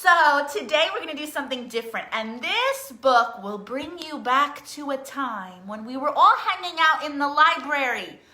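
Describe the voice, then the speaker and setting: A woman leads a children's storytime, encouraging and coaxing young listeners with simple questions and instructions. Her voice is high, bright and forceful, animated at a moderate pace with hardly any pauses, and the room sounds roomy and echoey.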